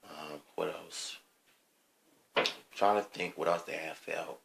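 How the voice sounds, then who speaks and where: A man giving an unscripted opinion monologue on his video channel, hesitant, with frequent pauses, ums and throat clearing. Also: sits low, fairly even intonation, fairly bright tone. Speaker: vlogger.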